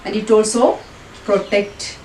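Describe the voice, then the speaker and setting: Her medium-pitched voice is steady, darkish, and a little slow as she teaches biology to school students. She speaks with a Malayalam accent, comes from Kerala, India, and rephrases her explanations in a didactic manner. The mic sits at a distance in a roomy space, with faint noise audible.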